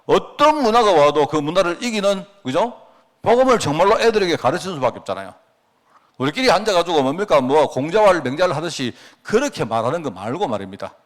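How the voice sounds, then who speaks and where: A man's voice: a little high, very animated, quick pace. A man pastor giving a midweek church sermon, pressing his listeners with constant rhetorical questions.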